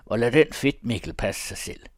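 A man voicing a brash, scornful young farmer's son who shouts taunts as he picks a fight. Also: medium pitch, expressive, dry recording, studio quality, voice pushed up, close to an everyday voice. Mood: taunting. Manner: loud and taunting.

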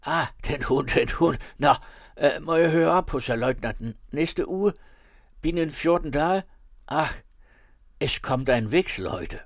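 A man's voice: on the high side, expressive, dry recording, studio quality, pitched above the performer's own voice. A man voicing a nervous, fawning middle-aged tailor with a German accent.

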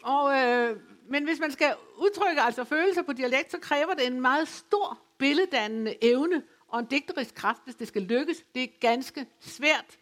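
High-voiced woman giving a measured lecture. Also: a bit bright. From West Funen, Denmark. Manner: measured, explanatory, with occasional hesitations. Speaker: lecturer on dialect literature. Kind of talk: academic lecture. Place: folk high school lecture venue.

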